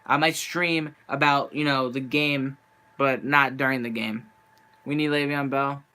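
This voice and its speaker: A man's voice: medium pitch, fairly even intonation, unhurried, sharp tone, clear, resonant tone. Frustrated young man venting on stream. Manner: frustrated, rambling, restarts often. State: losing his voice. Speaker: sports fan streamer. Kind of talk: venting live-stream monologue. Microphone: handheld camera.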